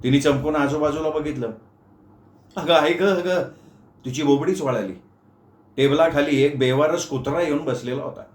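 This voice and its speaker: A man narrating a story in a lively, dramatic storytelling manner. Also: a little high, moderate pace, pauses often. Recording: echoey room.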